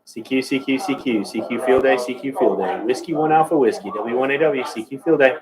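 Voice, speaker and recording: A man's voice: medium pitch, a little fast. A man working as an amateur radio contest operator, calling in clipped, repetitive procedural phrases with phonetic alphabet. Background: other radio operators talking.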